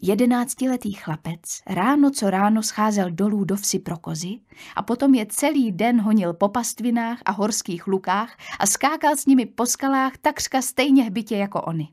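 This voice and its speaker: A woman narrating a children's audiobook in a calm, measured storytelling manner. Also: mid-range voice.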